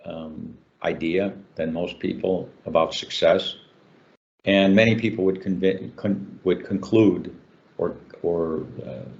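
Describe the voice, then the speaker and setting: Deep-voiced older man, dull call audio. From Chicago. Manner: talkative, many fillers and restarts. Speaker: author guest. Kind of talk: interview answers.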